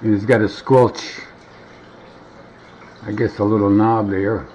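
Seated at a wooden table at home, a middle-aged man gives a casual hands-on demo of a vintage gadget, rambling and muttering as he goes. His lowish, darkish voice is flat and slow. The audio, from a home camera, is dull and noisy.

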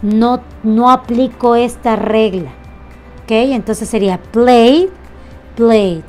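Slow, patient high-voiced woman teacher. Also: a little mellow, soft background music. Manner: patient, slow, repeats each example with frequent "ok?" checks. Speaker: English teacher. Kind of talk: explaining grammar rules to students.

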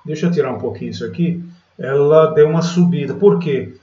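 This Brazilian day trading host sounds a bit high, brisk and warm as he talks through market charts on a screen recording. He keeps the commentary chatty and padded with fillers, repeatedly saying "galera" and "né," while a dull lo-fi mic gives it a roomy, far-off sound.

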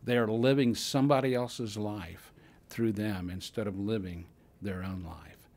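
A man's voice: on the low side, fairly even intonation, measured pace, a little mellow. An older man, a film co-producer, earnestly explaining in a convention interview into a handheld mic. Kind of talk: interview answer. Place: convention room before a poster wall. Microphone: handheld mic held by the interviewer.

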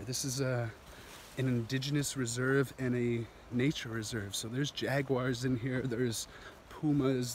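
Guy in his 30s vlogging on a phone while hiking, excited and rambly, faint outdoor noise behind. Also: mid-range voice. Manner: enthusiastic, rambling, laughs often. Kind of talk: walking vlog narration. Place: outdoors on a steep jungle trail. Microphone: phone camera held at arm's length.

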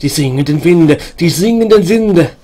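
A man's voice: fairly high pitch, animated, moderate pace, warm tone. A man reading as a raving mad ragged woman.

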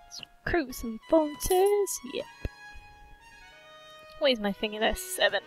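Woman, gameplay commentary, fairly high voice, playful, hums and swears cheerfully. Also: sing-song, measured pace, soft background music. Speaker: gaming channel host.

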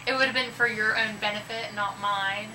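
A woman's voice: mid-range voice, fairly even intonation, fairly quick, crowd noise. A young woman bantering playfully with friends in a dorm room. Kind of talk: casual chat among friends. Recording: noisy room, friends chatting nearby.

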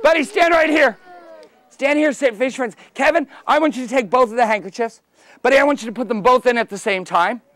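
Performing for seated kids in a children's library room, a middle-aged children's magician with a very high-pitched, brisk, somewhat bright voice is exuberant and theatrical. He talks playfully to young volunteers and often raises his voice.

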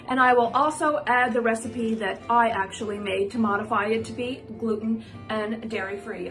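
A woman's voice: fairly high pitch, fairly bright tone. A woman hosting a home cooking video, chatty and upbeat, talking viewers through a recipe as a casual tutorial. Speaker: cooking channel host. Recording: music playing underneath. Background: background music.

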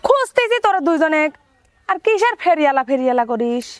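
Woman playing a fussy chatty village lady, high voice, dry close sound. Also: sing-song, brisk, dry recording. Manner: complaining, chatty. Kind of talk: rural comedy drama acting.

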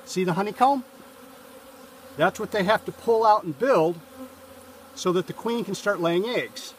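A man calmly walking through a beehive check step by step, filmed outdoors on a farm from a few feet away. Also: sits high, measured pace, a little hiss or hum. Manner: calm, explains step by step while working. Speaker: hobby beekeeper. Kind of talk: casual how-to narration. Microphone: camera a few feet away, speaker in a bee suit and veil. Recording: distant outdoor camera audio, buzzing bees.

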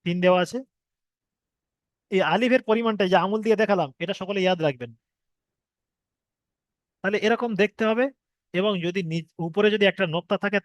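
A man's voice: high voice, dry recording. A man teaching how to read Arabic letters, patiently repeating each point, drawing out example sounds and asking if students follow. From Bengal. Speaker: Quran reading teacher. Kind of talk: online Arabic letters lesson.

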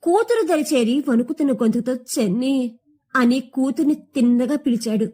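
High-voiced woman narrating a somber story. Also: animated, brisk, mellow, breathy edge. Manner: somber, emotive reading. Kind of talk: scripted narration of a short story.

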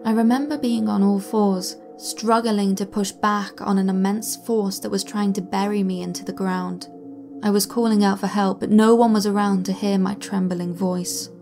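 A woman narrating a true paranormal story in a soft, slow, somber way, sometimes sinking to a whisper. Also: medium pitch, fairly even intonation, soft background music. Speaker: channel narrator.

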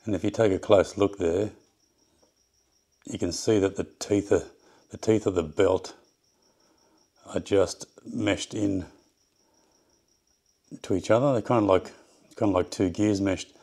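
A man casually walking through his workshop build, halting often with ums and restarts as he measures and explains. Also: sits low, steady tone, mellow, breathy edge. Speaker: home builder showing his project. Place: home garage workshop.

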